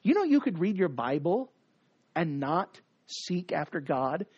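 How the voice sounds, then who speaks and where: A preacher delivering a sermon in an emphatic, repetitive cadence that swings from loud declarations to hushed near-whispers. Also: medium pitch, sing-song, measured pace, husky, no room sound, highs cut off.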